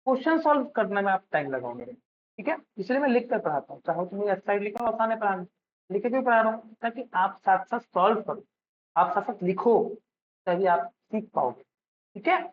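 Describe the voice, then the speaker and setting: A man's voice: high voice, lively intonation, brisk. Man, physics teacher, lecture while writing, rhetorical questions, fond toward students, dull lo-fi sound, faint hiss. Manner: asks and answers his own questions, checking in with students; calls students "beta" affectionately. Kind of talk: classroom-style lecture while writing out a problem. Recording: dull lo-fi recording with faint noise.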